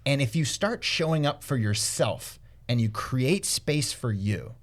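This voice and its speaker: A man's voice: mid-range voice, lively intonation, unhurried. A man hosting a casual podcast, talking in an earnest, reflective way and sometimes losing his thread. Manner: earnest, reflective, loses his train of thought. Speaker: podcast host.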